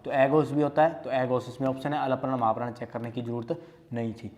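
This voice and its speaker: A man's voice: medium pitch, level tone, quick pace, a little mellow. Man teaching, answering his own questions. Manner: asks questions and answers them himself, repeating key terms. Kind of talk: Hindi grammar lesson, solving quiz questions.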